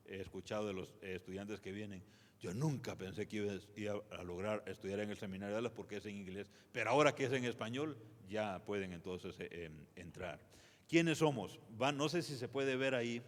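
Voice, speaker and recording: A man presenting at a church conference, speaking conversationally with many fillers and restarts. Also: fairly low pitch. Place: church sanctuary. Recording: long reverb of a church hall.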